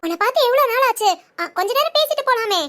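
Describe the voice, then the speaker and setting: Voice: extremely high pitch, lively intonation, quick pace, bright, forceful tone, exaggerated voice. A performer voicing an earnest young woman friend who keeps coaxing with persistent questions.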